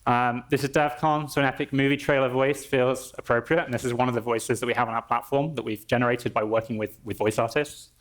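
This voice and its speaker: A man presenting a live software demo on a conference stage, explaining in a conversational way with frequent restarts. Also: medium pitch, steady tone, brisk, hardly any pauses. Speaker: engineer presenting a product demo.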